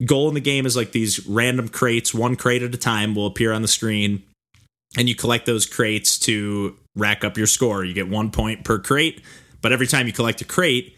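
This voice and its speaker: A man's voice: on the low side, sharp tone. A man hosting a casual podcast, talking in a rambling way full of "like" and "you know". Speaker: podcast host. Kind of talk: casual chat about video games.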